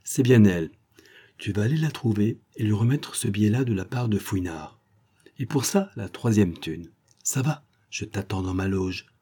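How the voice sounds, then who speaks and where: A man voicing a cheeky young male actor-sleuth who talks in lively street slang. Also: on the low side, moderate pace, slightly rough. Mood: bantering.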